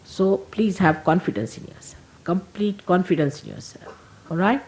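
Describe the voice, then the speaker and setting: A woman's voice: fairly low pitch, lively intonation, normal speed, rough recording. A woman giving an informal, humorous spiritual talk to her followers, with frequent conversational asides like "see?". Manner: warm humorous asides to the audience; conversational, often asks "see?". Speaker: spiritual teacher.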